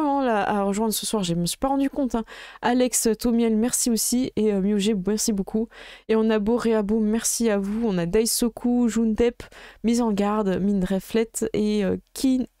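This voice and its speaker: A woman game master chatting casually as she wraps up a live stream, halting often with fillers. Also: a little high, dark tone, no room sound, studio quality.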